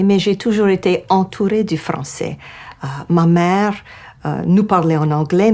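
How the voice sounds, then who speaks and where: Lowish-voiced Cajun French woman. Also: darkish tone. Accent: Cajun French, Louisiana. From Louisiana, United States. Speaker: university Cajun studies coordinator. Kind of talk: reflective documentary testimony. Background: fiddle music.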